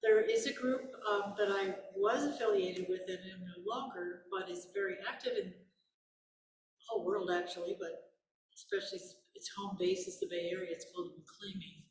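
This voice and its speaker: An older woman speaks as a guest at a community Q&A, her pitch sitting in an ordinary middle range. She talks in a loose, rambling way, starting over and correcting herself mid-sentence. The voice comes from well off the mic in a big, empty, reverberant room. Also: moderate pace, slight background noise. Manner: rambling, with many restarts and self-corrections. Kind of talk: casual Q&A talk. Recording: echoey room, voice far from the mic.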